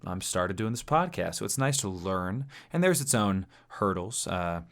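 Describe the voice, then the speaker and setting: A man's voice: deep voice, very animated, normal speed. A man hosting a podcast, chatting casually and self-deprecatingly with a guest and laughing often. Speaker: podcast host and streamer.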